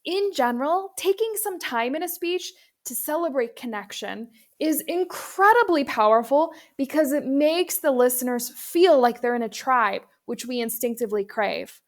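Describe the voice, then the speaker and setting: A woman's voice: high voice, animated, moderate pace, hardly any pauses. A woman presenting as a speaking coach, giving instructive video commentary addressed directly to the viewer.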